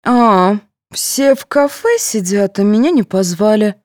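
A woman's voice: fairly high pitch, big pitch swings, measured pace, dark tone, dry recording, studio quality, voice pushed up. A woman voicing a jealous, sulky teenage girl who complains resentfully in an audiobook. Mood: sulking. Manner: whiny, resentful.

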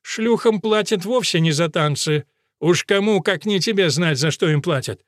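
A man's voice: sits high, normal speed, dry recording, clean studio sound, close to an everyday voice. A man reading an audiobook aloud and voicing a middle-aged village woman who earnestly pleads with her old rival. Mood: mocking. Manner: pleading, confessional.

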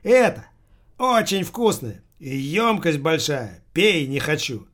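A man's voice: fairly high pitch, big pitch swings, slow pace, a bit bright, full character voice. Man putting on a chirpy old cleaning lady. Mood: cheery. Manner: simple-minded, chirpy. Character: cheery toothless old cleaning woman.

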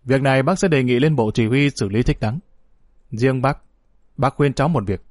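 A man's voice: mid-range voice, normal speed, a little mellow, no room sound, clean studio sound, natural voice. A man voicing a stern older male colonel who questions and commands. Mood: fatherly. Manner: stern, interrogating.

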